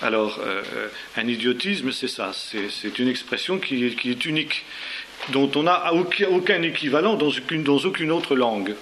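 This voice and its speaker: A man talks through a lecture in a halting, informal way. He stacks up fillers and repeated words and often checks in with his listeners. His voice sits at an average pitch over a faint tape hiss. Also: animated, a bit bright. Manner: hesitant, many fillers and repeated words, tag questions.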